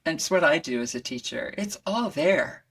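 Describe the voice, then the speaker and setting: Expressive woman voice coach, slightly distant. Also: moderate pace, husky. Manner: expressive, swoops up high when acting out voices. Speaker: voice coach guest. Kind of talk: reflective interview talk.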